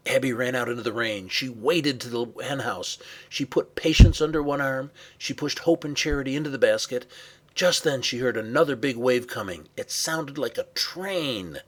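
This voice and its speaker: A man reading a children's story aloud with expressive, varied pacing and some hushed passages. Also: medium pitch, normal speed. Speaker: narrator.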